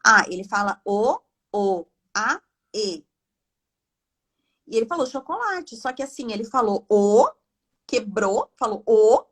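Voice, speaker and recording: A woman, a speech therapist speaking from home on a video call in a live online talk, explaining in a chatty, animated way. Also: fairly high pitch, breathy edge.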